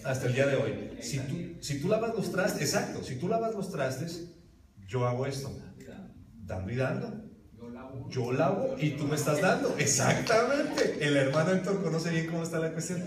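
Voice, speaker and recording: A man's voice: fairly high pitch, expressive, moderate pace. A man preaching a sermon to his congregation, emphatic, putting questions straight to his listeners. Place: church hall. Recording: roomy hall from a distance.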